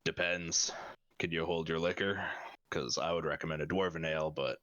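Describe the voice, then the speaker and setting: Man voicing a low, gruff dwarven bartender. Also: fairly even intonation, normal speed, a bit bright, no room sound, dull audio. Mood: dry. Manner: curt, dry, sizing up customers. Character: gruff, terse dwarven bartender in a thieves' den.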